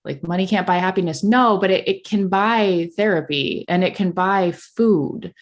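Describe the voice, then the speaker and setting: A woman's voice: fairly low pitch, normal speed. A young adult woman speaking as a podcast guest in candid conversation, blunt and impassioned.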